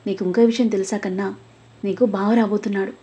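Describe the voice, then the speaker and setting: A woman voicing a calm, soft-spoken elder brother. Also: mid-range voice, fast, husky. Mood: quiet reassuring. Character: calm protective elder brother, adult man.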